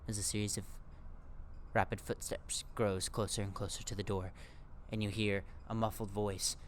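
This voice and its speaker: A man's voice: lowish voice, little pitch movement, normal speed, slight background noise. Man narrating as game master. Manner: descriptive narration with frequent uh fillers.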